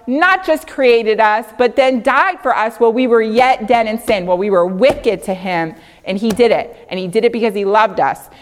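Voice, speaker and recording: A woman giving an informal Bible teaching, chatty and earnest, laughing often and swinging between animated and hushed. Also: medium pitch, big-room sound.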